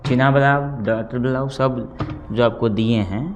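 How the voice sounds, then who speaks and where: A male teacher slowly dictating lines and a rhyme to his class, repeating each phrase. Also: mid-range voice, fairly even intonation, lo-fi sound, a little hiss or hum.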